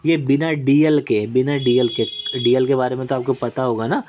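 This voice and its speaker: A man's voice: mid-range voice, steady tone, normal speed, dark tone. A man teaching exam vocabulary in a casual lesson, repeating key words and checking in with "okay?", joking about his own drawings. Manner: self-deprecating while drawing on screen. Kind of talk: casual Hindi-English exam lesson with mnemonics.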